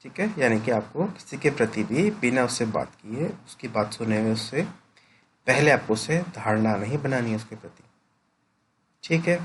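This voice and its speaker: A man teaching a class in a patient, explanatory lecture, pausing often to ask his students "right?". His voice sits at an ordinary middle pitch. A faint hum of ambience hangs behind him. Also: animated. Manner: explanatory, peppers sentences with "right?" tag questions.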